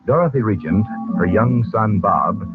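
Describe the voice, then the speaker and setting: Reading scripted copy as a 1940s radio announcer, a man uses polished, theatrical salesmanship. His voice sits on the low side with lively intonation and a slightly slow pace. The broadcast sounds tinny and old, with music in the background.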